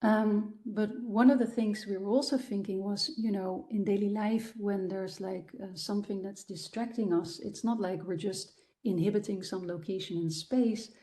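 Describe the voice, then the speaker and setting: Mellow-voiced woman giving an academic lecture. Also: medium pitch, steady tone, moderate pace, few pauses. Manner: explanatory, many ums and restarts. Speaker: guest lecturer. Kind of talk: academic lecture on research findings.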